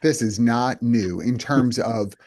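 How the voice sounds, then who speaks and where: A male company president, appearing as a podcast guest, speaks earnestly and reflectively in casual interview chat, frequently restarting his sentences. His voice is mid-range, slow-paced, and somewhat dark in tone.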